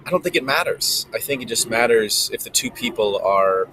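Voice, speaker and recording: A man's voice: mid-range voice, lively intonation, moderate pace, pushed and bright, a little hiss or hum, low-quality recording. A man giving a reflective vlog monologue to camera, thinking aloud in a casual way with frequent ums. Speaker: vlogger. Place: recording alone in front of a camera.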